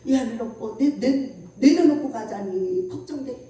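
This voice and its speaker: A woman pastor giving a revival sermon with a personal testimony, telling it in an animated way, acting out voices and laughing often, recorded from far off in an echoey hall. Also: fairly high pitch, moderate pace. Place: church prayer house at a revival meeting.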